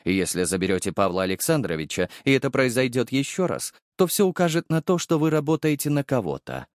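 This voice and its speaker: An unflappable male servant who speaks quietly and weighs each word, as a man voices him in an audiobook. His voice sits a little higher than the narrator's own. The recording is close and dry. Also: sing-song, fast talker, no echo, natural voice. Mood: calm. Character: calm, composed male household servant. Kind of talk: audiobook character voice.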